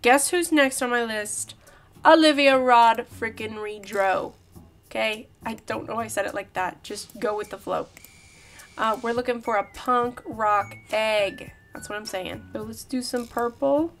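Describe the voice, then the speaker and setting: A young woman doing playful comedic commentary over a video game, breaking into loud shouts. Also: fairly high pitch, unhurried. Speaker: YouTuber. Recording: light background music.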